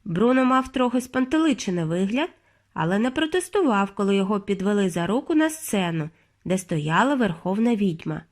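A woman's voice: medium pitch, a little fast. A woman narrating a children's audiobook at bedtime, reading expressively. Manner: expressive, lively storytelling. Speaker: audiobook reader.

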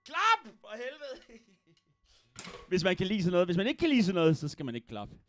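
A man's voice: sits high, sing-song, darkish tone. A man with a Jutlandic accent hosting a livestream concert, chatting in a rambling, playful way and swearing freely. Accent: Jutlandic Danish. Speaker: livestream concert host and musician. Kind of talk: joking livestream banter between songs.

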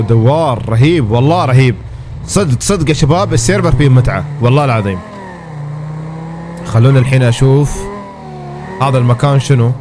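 A man's voice: mid-range voice, background noise. A man giving casual, exclamatory commentary as he plays a game and talks to his viewers. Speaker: gaming streamer.

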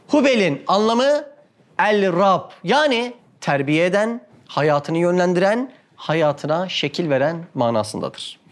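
A man giving a religious talk as a story, animated and full of rhetorical questions to his listeners, acting out the quoted lines. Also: sits high. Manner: animated, asks the audience frequent rhetorical questions; acts out quoted lines in dialogue. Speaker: religious speaker.

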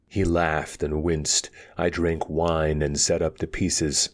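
Deep, slow male storyteller. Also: flat delivery. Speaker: audiobook reader. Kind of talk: scripted fantasy narration.

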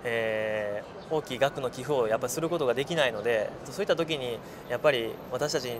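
A man in his thirties, a former player now company director, answering politely and in measured terms on a cafe terrace. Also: mid-range voice. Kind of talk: interview answer. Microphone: lapel mic. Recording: noisy terrace behind.

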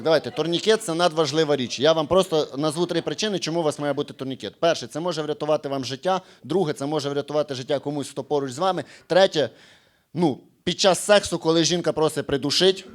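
A man's voice: fairly high pitch, fast talker. A young man performing stand-up on a club stage, brash and profane, teasing the crowd. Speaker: stand-up comedian. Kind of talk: stand-up routine with crowd work.

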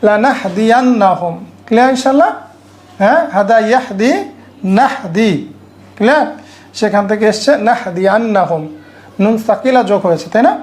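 A woman teaching an Arabic grammar class, reciting verses slowly and explaining them step by step while quizzing her students. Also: on the high side, darkish tone. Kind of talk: online class lecture.

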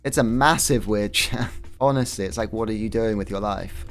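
A man's voice: lowish voice, normal speed, a bit bright. A young man chatting casually while streaming a game, rambling, laughing often and swearing freely. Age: young adult. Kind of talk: casual gaming stream chat.

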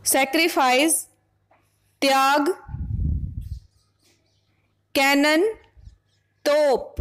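Slow, high-voiced woman teaching vocabulary. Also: steady tone, fairly bright tone, low-quality recording. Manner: reads word pairs one by one, clearly pronounced. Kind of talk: slow, clear vocabulary lesson.

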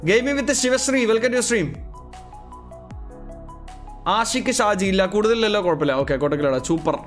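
A man's voice: sits high, measured pace, faint music behind. A man from Kerala on a casual live stream, chatting and answering viewers as bro over a calibrated streaming mic. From Kerala, India. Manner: chatty, greets viewers and answers chat, calls them bro.

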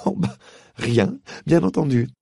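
A man voicing a spirited young girl who talks sarcastically and quickly. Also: mid-range voice, animated, warm tone, husky, dry recording, clean studio sound, pitched above the performer's own voice. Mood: indignant. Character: spirited young London girl, sharp-tongued.

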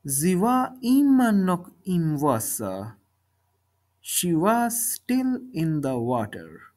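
A woman reading a children's story slowly, speaking each line and then its translation. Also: on the low side, very animated, dark tone. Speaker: narrator of a bilingual story. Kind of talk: slow storybook reading in German and English.

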